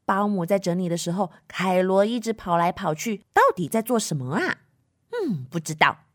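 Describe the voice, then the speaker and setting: A woman reading a picture book aloud to children in an animated, playful way, asking them questions and making sound effects. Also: mid-range voice, normal speed. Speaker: children's storyteller.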